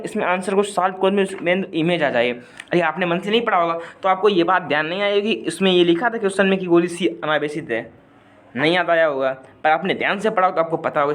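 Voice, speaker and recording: A man tutoring physics in a video lesson, talking through worked problems in a chatty, repetitive way and addressing viewers directly. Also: high-pitched. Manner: chatty, repeats points, asks viewers to comment, hums a song line at times.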